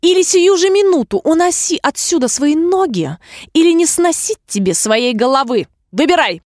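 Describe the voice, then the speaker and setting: A woman's voice: fairly high pitch, expressive, fast, no room sound, studio quality, natural voice. A woman voicing a furious, imperious queen in a storybook reading, barking out orders.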